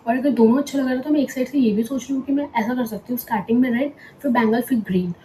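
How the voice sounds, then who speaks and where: A young woman vlogging casually as she packs at home at night, thinking aloud and often dropping to a hushed near-whisper. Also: a little high, fairly even intonation, very fast, reverberant, a little hiss or hum, poor audio. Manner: chatty, thinking aloud, mixing in English words. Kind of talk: casual packing vlog chat.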